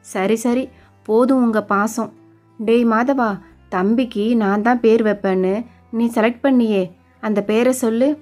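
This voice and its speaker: A middle-aged husband reassures his wife in calm, matter-of-fact words voiced by a woman storyteller. Her voice stays a little high for the part, with a faint music bed behind. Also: slow pace, pauses often. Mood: reassuring.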